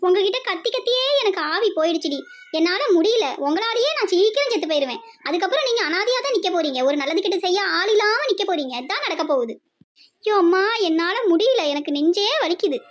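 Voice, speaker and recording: A woman's voice: extremely high pitch, animated, fast. A woman voicing a nagging middle-aged village mother in a cartoon, with a Tirunelveli Tamil accent, scolding and complaining melodramatically.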